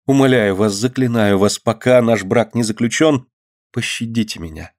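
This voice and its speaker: A man reading a story aloud and voicing a gentle young woman who is devoted and pleading. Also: mid-range voice, moderate pace, close to an everyday voice.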